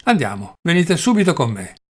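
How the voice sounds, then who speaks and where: A man's voice: medium pitch, animated, moderate pace. A man reading the part of Velchaninov, an angry, agitated man, in an audiobook. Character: furious man, Velchaninov, shouting in anger.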